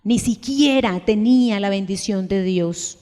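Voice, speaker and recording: A woman preaching a sermon, emphatic and deliberate, putting repeated questions to her congregation. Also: medium pitch, a little mellow. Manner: slow, deliberate delivery with sudden raised cries. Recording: long echo of a large hall.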